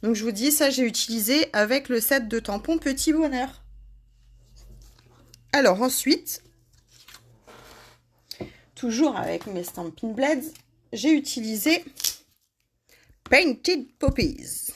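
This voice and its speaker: A woman's voice: a little high, lively intonation, unhurried, pauses often. A woman hosting a casual craft tutorial, chatting to her viewers by name and laughing at herself.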